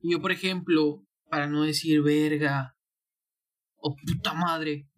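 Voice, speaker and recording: A young man with a Tabasco accent telling funny stories in a casual chat, animated and slangy. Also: on the high side. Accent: Tabasco Spanish. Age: young adult. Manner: animated, slangy, quick bursts.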